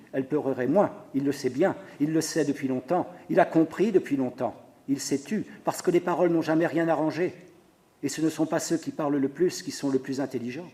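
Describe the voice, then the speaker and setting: A man reading a literary text aloud in a measured, even way. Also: fairly high pitch. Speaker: reader.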